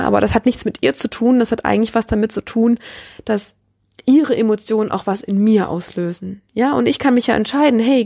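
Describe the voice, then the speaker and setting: A woman's voice: mid-range voice, creaky, a little mellow, no room sound, clean studio sound. A woman in her thirties talking earnestly and reflectively as a mother, often restarting her sentences and checking in with "ja?". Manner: earnest, searching, with restarts and frequent "ja?". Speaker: mother sharing parenting reflections. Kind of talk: personal reflective talk.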